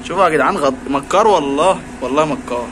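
A man's voice: a little high, racing, background noise. A man with an Egyptian Arabic accent vlogging casually and teasing and coaxing his pet fox in a playful way.

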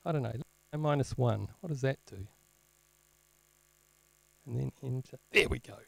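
Guy doing a casual live tech demo, slowish and halting, dry wry humour, slightly high voice, no room echo. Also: lively intonation, creaky. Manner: wry, self-deprecating humour; halting, thinking aloud while typing. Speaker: presenter at a tech meetup. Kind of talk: informal live technical demo talk. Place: indoor lecture room, presenting at a screen. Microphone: handheld microphone.

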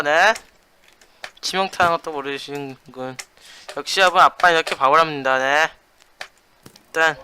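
On a gaming channel, a young host narrates a block-building PvP match in talkative style, saying "yes" after almost every phrase and yelling when fights break out. His voice runs on the high side, and there's a little hiss or hum.

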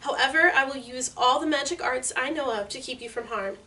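A woman voicing a kind little old witch in a storybook read-aloud, with a gentle, slow delivery. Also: high-pitched. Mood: kindly. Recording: slightly distant mic, faint hiss.

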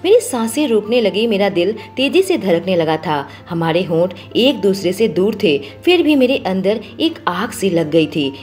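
A woman narrating a romantic audio story as a storyteller, with a steady, expressive reading. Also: mid-range voice, a little slow, few pauses, soft background music.

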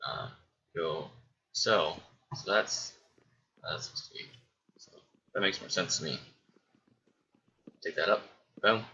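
A man's voice: deep voice, slow pace, long pauses, pushed and bright, lo-fi sound. A man muttering to himself and chuckling as he builds, giving casual gameplay commentary. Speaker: gameplay streamer.

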